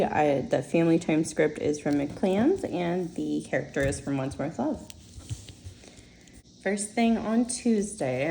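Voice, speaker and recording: Young woman planner vlogger, low and gravelly, unhurried chatty voice-over, faint hiss behind. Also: poor audio. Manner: chatty, relaxed, many fillers and soft laughs. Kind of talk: casual voice-over while decorating a planner.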